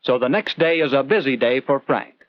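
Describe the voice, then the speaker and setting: Speaking briskly at medium pitch, a man narrates a scripted 1940s instructional film as earnest, conversational storytelling, addressing questions to the viewer. The old film soundtrack has no echo and its highs are cut off.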